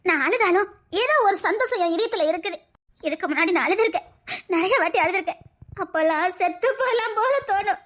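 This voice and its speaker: In a family drama skit, a woman with a Tirunelveli Tamil accent plays a tearful, long-suffering wife who remains devoted to her husband. She sounds earnest and emotional, with a very high-pitched, fairly bright voice, lively intonation, and a fast pace.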